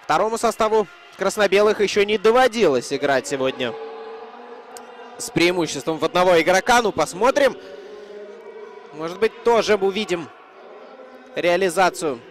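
A man's voice: high-pitched, animated, normal speed, long pauses. A man giving live commentary on an ice hockey match as it unfolds.

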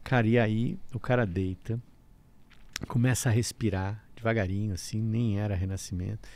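A middle-aged man from Brazil, a guest telling a story in a casual interview, lively, with stammered restarts and bursts of laughter. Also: on the low side, normal speed. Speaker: guest, breathwork teacher.

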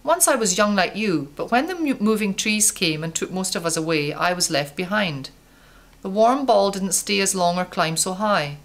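A woman voicing an old, wrinkled male apple who gently recounts his seasons, in a storybook reading. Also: medium pitch, moderate pace, lightly acted. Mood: recounting.

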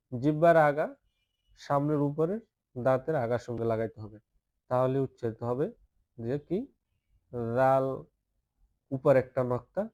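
A man teaching the Arabic alphabet in a slow, patient lesson, repeating each letter several times and asking listeners to say it along. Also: medium pitch, dark tone.

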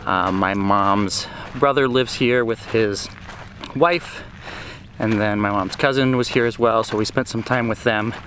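A man in his forties hosts a casual travel vlog on a desert trail, holding the camera at arm's length outdoors. He's relaxed and chatty, explaining details to the camera at a measured pace in a lowish voice. A little background noise can be heard.

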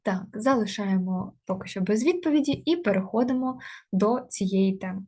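A woman's voice: mid-range voice, normal speed, darkish tone. A woman teaching an exam-prep grammar lesson, explaining step by step with frequent hesitations. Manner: explains step by step with many fillers.

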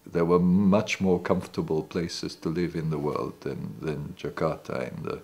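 In a seated interview in his living room, picked up by an off-camera mic, a man in his sixties recalls earlier times in English, which isn't his first language. He sounds low, steady and slightly mellow at normal speed, though he hesitates and restarts often.

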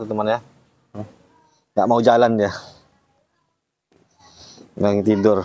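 A man vlogging outdoors while caring for a baby monkey, talking gently to it in cooing baby talk and chatting casually to his viewers. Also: mid-range voice, slight background noise. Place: outdoors by a house.

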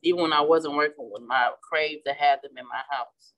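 She is a woman in her thirties from St. Louis, Missouri, speaking with a Midwestern accent in a low, brisk voice. Working as a florist and class instructor, she chats casually while demonstrating painting at the flower shop table, staying relaxed and restarting often.

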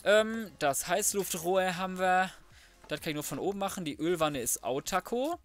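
His voice sits high and expressive at a normal speed as he commentates on a game. This let's player keeps up a chatty, slangy running narration of every move he makes.

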